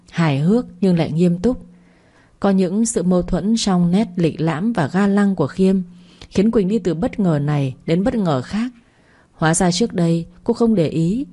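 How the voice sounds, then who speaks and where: A woman narrating a romance story as a calm, steady audiobook reader. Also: fairly low pitch.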